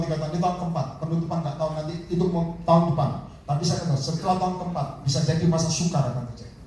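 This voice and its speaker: A man preaching an animated sermon, often calling for an amen and acting out people in his stories. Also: a little high. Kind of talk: lively sermon. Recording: distant, very echoey hall with faint noise.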